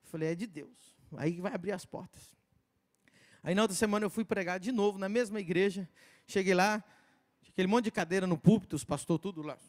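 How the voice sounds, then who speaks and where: A high-pitched man preaches a sermon, telling his story with theatrical energy. He jumps from loud, ringing declarations to quiet, confiding asides and acts out the voices of people in the story. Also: a little fast. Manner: animated storytelling, acting out quotes, swinging from shouts to hushed asides. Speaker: pastor. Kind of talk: sermon testimony.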